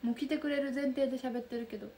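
Young kansai girl chatting on her stream, soft and bubbly, bit high pitched, faint background noise. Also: fairly even intonation, fast talker. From Kansai region of Japan. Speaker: livestream host. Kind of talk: casual livestream chat reading viewer comments. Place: room lit by daylight.

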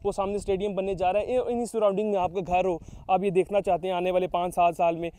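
A young man, a real estate agent giving a persuasive sales pitch outdoors at a construction site, with frequent fillers. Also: level tone, fast talker, dark tone. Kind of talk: promotional site-visit talk to camera.

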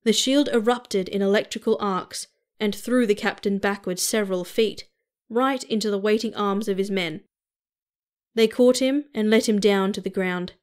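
A woman reads an audiobook in an even, measured voice, with a pitch that sits right in the middle. Her narration is steady and unhurried. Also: clear, resonant tone. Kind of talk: scripted narration.

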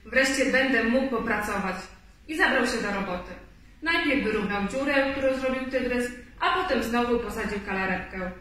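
A woman reading a children's story aloud in a clear, expressive way. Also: on the high side, normal speed. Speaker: storybook reader. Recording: echoey room, far mic.

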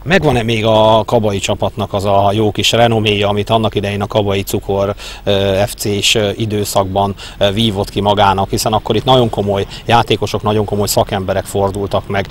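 A man's voice: fairly low pitch, level tone, hardly any pauses, a little hiss or hum. A man conducting a conversational television interview outdoors with a handheld microphone. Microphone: handheld reporter microphone.

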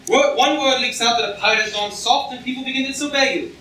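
A man's voice: extremely high pitch, fast, pushed and bright. A young man playing a mocking, menacing pirate captain with sardonic, theatrical delivery in a staged reading. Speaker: actor in a student staged reading. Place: lecture hall stage, indoors. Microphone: far camera in audience. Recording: echoey hall, distant audience-camera mic, noisy.

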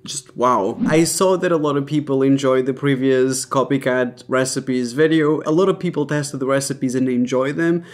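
A man hosting a casual cooking vlog, talking to camera and gushing excitedly over how his recipe turned out. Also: mid-range voice, moderate pace, hardly any pauses. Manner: excitable, gushing when tasting. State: throat sore, tired. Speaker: cooking video host.

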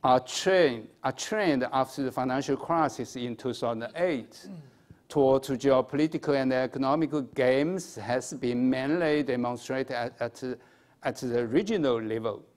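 A man in his sixties with a Chinese accent, giving a formal lecture at a podium in a halting, hesitant manner with repeated words. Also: medium pitch, a little mellow. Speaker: academic conference speaker. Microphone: podium microphone.

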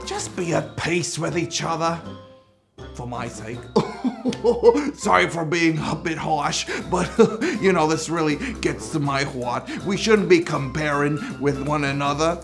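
A man's voice: on the high side, lively intonation, slow, creaky, over music, heavily acted. Guy acting fussy old bible apostle for kids, scolds like a dad, lots of questions, very up and down. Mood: exasperated. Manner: chiding, rhetorical questions, nervous chuckles. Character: excitable, scolding, fatherly elderly Apostle Paul. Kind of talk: comic monologue for children. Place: studio, costumed before a cartoon backdrop.

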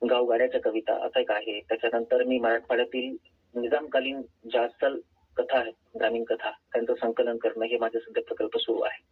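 A man calling in to a radio phone-in program as an author and poet, speaking over a phone line in a measured, earnest way. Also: medium pitch, slightly rough. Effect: heard over a phone line. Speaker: author and poet, guest caller. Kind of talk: phone-in interview answers.

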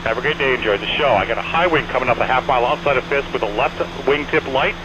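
Over aviation radio, a male air traffic controller talks at a quick pace in a mid-range voice, repeating clipped directives and closing courteously. The band-limited audio carries aircraft engine noise, with a small plane's engine droning behind him.

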